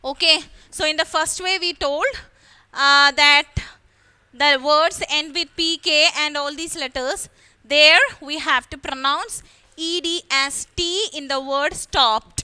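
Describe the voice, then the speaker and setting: Malayali lady teacher, high bright voice, goes slow and repeats stuff for the kids. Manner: explains step by step, repeats key words, quizzes the listener. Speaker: school English teacher. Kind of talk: classroom lesson for children.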